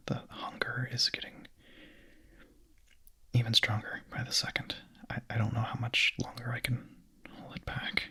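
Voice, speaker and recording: In this intimate ASMR roleplay, a man fully inhabits a young vampire, his medium-pitched whisper breathy, husky, and barely shifting in pitch. He speaks softly and in halting bursts, tender and hesitant despite his hunger.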